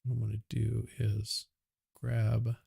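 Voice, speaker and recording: His delivery is completely flat, his medium-pitched voice gravelly, mellow and slightly rough. He's a livestream host chatting casually and unhurriedly, muttering while he fixes his audio on a cheap USB mic.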